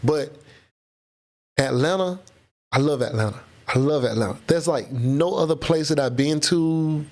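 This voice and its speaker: A man's voice: fairly high pitch, measured pace, darkish tone. Laid-back man chatting on a livestream. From Florida, US. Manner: laid-back, slangy, reads out chat comments. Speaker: livestream host. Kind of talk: casual live stream chat with viewers.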